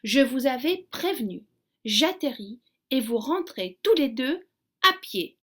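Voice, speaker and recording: A woman's voice: high voice, measured pace, pitched above the performer's own voice, exaggerated voice. A woman voicing a boastful, peremptory male blackbird in a storybook reading. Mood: indignant. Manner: excitable, peremptory, shouting exclamations.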